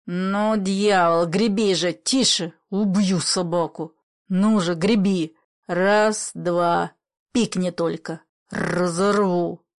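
Женщина изображает грубого шипящего контрабандиста. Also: female voice, fairly low pitch, fairly even intonation, slow pace. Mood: threatening. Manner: curt commands, hissing threats, whispering. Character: menacing grown male smuggler, harsh and domineering.

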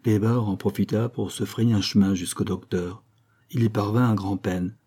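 A man reading a classic novel aloud in a dramatic, measured narration. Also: fairly low pitch, fairly even intonation, mellow, slightly rough. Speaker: audiobook reader.

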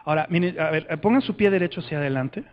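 A man preaching a lively sermon, calling young people up and leading the congregation in shouted chants. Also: fairly high pitch, quick pace, dull audio. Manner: energetic, calls people up, builds to shouted chants. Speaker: preacher leading a youth demonstration.

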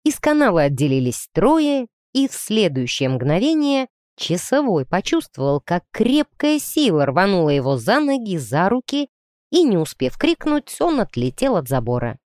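A woman narrating a children's story aloud with expressive storytelling. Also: mid-range voice, normal speed, no room sound, studio quality. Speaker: audiobook narrator. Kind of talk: scripted narration.

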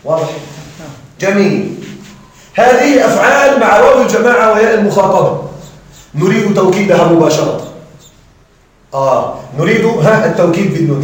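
A man teaching Arabic grammar to a class, often checking that students follow and repeating examples slowly. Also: high voice. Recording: very echoey room, mic far off.

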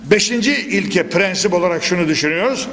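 A high-pitched man speaks into a pulpit microphone, his voice leaping and swooping as he teaches. He keeps throwing sharp emphatic bursts and checks on his listeners. A long hall reverb trails every phrase. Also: lively intonation, fast. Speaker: preacher teaching Quran commentary. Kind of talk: commentary lesson from a pulpit.

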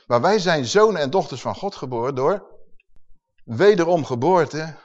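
A man's voice: a little high, animated, normal speed. A male preacher giving an emphatic sermon and asking the congregation questions. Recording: dull lo-fi recording.

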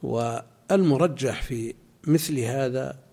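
A male religious scholar lectures his students on a legal text. His voice is husky and sits at an ordinary middle pitch. He explains step by step and stops now and then to answer questions. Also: slow pace, dark tone. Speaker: Islamic scholar teaching a class.

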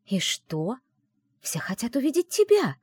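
A woman's voice: fairly high pitch, huge pitch swings, unhurried, a little mellow, slightly rough, dry recording, pitched above the performer's own voice, heavily acted. A woman voicing a haughty, simpering society lady mage in a nasal, affected tone. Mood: simpering, mocking. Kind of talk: audiobook character voice.

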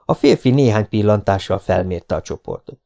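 A man reading a novel aloud as an audiobook narrator, in a steady storytelling manner. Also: lowish voice, creaky.

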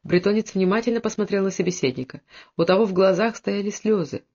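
Man, audiobook narration, fairly high voice, dull lo-fi sound. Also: fast. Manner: steady storytelling, lowers voice for characters' quoted lines. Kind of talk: scripted narration.

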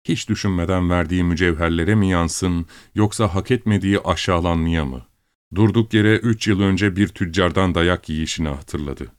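A man narrating a classic short story in a steady, measured audiobook reading. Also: low voice, no echo, clean studio sound.

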